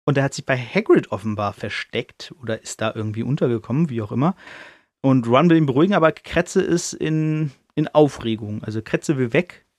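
A man hosting a podcast retells a book chapter in a loose, offhand way, with slang and the odd curse word. His voice sits at an ordinary middle pitch. The sound is dry and close, with no room around it. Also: lively intonation, a little fast, darkish tone, no room sound. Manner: chatty and offhand, with slang and swearing. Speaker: podcast host.

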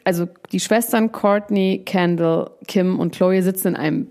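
A young woman talks as a podcast host, spinning a gossipy story in an animated, slang-heavy way. Her casual swearing keeps the chat loose and informal. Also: on the low side, normal speed.

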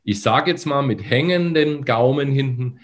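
A man's voice: medium pitch, normal speed. A male voice coach on a podcast, his voice a little phlegmy in the morning, explaining and demonstrating voice exercises with hums. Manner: instructive, demonstrates with hums and sung lines.

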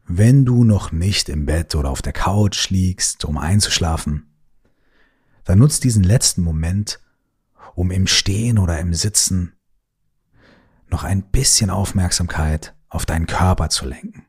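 Deep, slow, husky-voiced man guiding sleep. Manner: slow, soothing, drops to soft whispers. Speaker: meditation guide. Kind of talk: guided sleep meditation.

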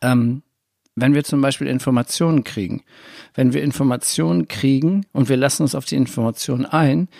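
A man talks through a spiritual self-help podcast in a loose, rambling way, often restarting his sentences. His voice is gravelly and husky at a middle pitch. The sound is dry and close to the mic. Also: dry recording. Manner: rambling, self-correcting, conversational. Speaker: podcast host.

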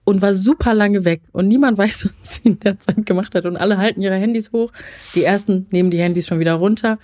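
A young woman co-hosting a relaxed bedtime chat, telling stories with a lot of laughter. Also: medium pitch, fast talker. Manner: chatty, laughs at her own jokes. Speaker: podcast co-host.

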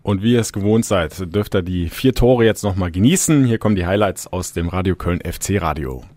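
A man hosts a casual football podcast. His voice sits fairly low and is recorded very dry, with no room sound. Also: animated, fairly quick, a little mellow, no echo. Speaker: podcast host. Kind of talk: casual sports podcast chat.

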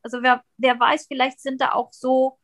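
A woman's voice: high voice, little pitch movement, moderate pace, a bit bright. Chatty woman guest on a video call. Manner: chatty, many restarts and fillers. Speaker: guest, flower school founder. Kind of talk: interview over video call.

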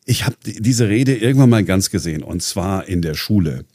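A man's voice: sits low, lively intonation, a little fast, a little mellow, no echo, studio quality. A man presenting on a talk show in casual chat, explaining at length with many hesitations and restarts. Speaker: radio presenter.

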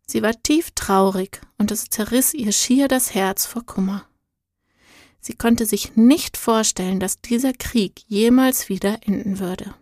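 A woman softly narrating a gentle spiritual story, often half-whispered and calm. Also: mid-range voice, a little slow, dry recording, studio quality.

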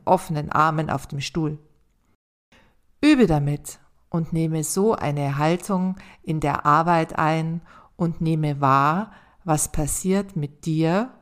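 A woman hosting a self-help podcast, calmly speaking straight to the listener and guiding them through exercises in a gentle, encouraging way. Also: low voice. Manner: calm, addresses the listener directly as "du". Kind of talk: scripted advice monologue.

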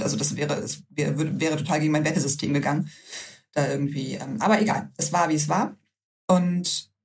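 A woman recounts her story as an interview guest in a casual, lively way. She tosses in fillers and brings the quoted dialogue to life. Her voice sits a little back from the microphone. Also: sits low, recorded from a distance. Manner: lively anecdotal telling with many fillers, acting out quoted dialogue. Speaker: interview guest, salon owner.

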